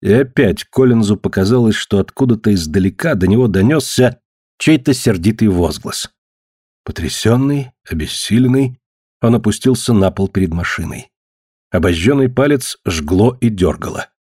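A man reading a story aloud in a steady, measured narration. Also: on the low side, slightly rough, no room sound, studio quality. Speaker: audiobook narrator. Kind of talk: scripted narration.

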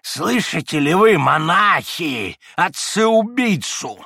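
A man voicing a shrill, raging old man who screeches and splutters with every word. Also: normal speed, gravelly, sharp tone, husky, no echo, clean studio sound, heavily acted. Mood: ranting.

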